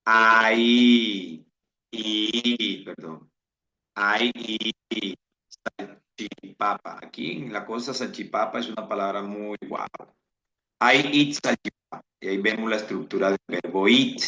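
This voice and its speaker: Slow, bright-voiced male teacher, echoey lo-fi. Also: fairly low pitch, steady tone. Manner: slow, repeats example sentences aloud. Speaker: English teacher. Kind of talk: bilingual classroom lesson. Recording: roomy, dull lo-fi sound.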